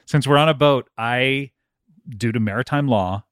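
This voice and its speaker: A man's voice: medium pitch, moderate pace, fairly bright tone, no room sound, studio quality. A man co-hosting a podcast in casual, comedic banter with an informal, bantering manner. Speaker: podcast host.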